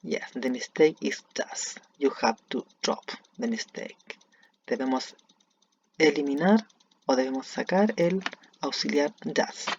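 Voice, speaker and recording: An English teacher with a Chilean Spanish accent explains grammar slowly and deliberately, repeating each example sentence. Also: mid-range voice, animated, a little mellow, breathy edge, highs cut off. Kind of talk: recorded lesson explaining grammar.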